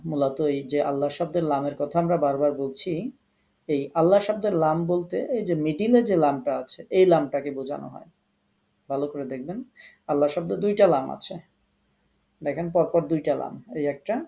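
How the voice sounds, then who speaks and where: A man with a Bangladeshi Bengali accent teaching Quran recitation rules in an online lesson, explaining patiently step by step, repeating each rule and slowing down to model the recitation. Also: a little high, vocal fry, mellow.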